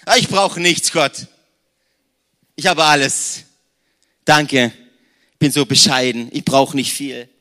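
A man's voice: high-pitched, moderate pace, bright, forceful tone, voice pushed up. A man voicing a smug churchgoer who piously waves off his own troubles, in a raised, self-satisfied tone. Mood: smugly pious.

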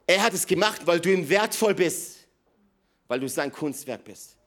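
A man preaching an energetic sermon in a large church hall, swinging from loud emphatic bursts to quiet low asides. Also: moderate pace. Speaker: pastor.

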